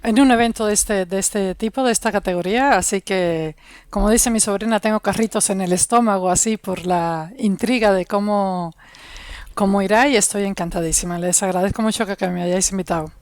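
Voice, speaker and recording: A middle-aged woman from Cuba, chatting warmly as an interview guest over a video call. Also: medium pitch, a little fast, dry recording. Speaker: guest expert. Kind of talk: casual interview chat.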